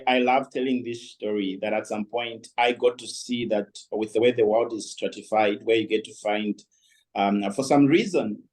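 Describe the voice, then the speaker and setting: A man's voice: lowish voice, darkish tone, rough recording. A man speaking as a guest on a leadership panel, reflective and talking with many fillers. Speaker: guest speaker, company founder. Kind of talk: panel discussion.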